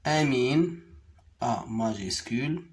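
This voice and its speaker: A man with a Moroccan French accent gives a primary school reading lesson at a very slow, deliberate pace. His voice sits at a middle pitch. He breaks words into syllables and spells them out one letter at a time. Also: expressive.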